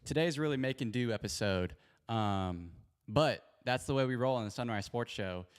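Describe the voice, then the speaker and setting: A man's voice: mid-range voice, normal speed, clear, resonant tone. A man hosting a sports show in casual livestream chat, rambling and apologetic, speaking into a handheld mic in an echoey home garage. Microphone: spare handheld mic.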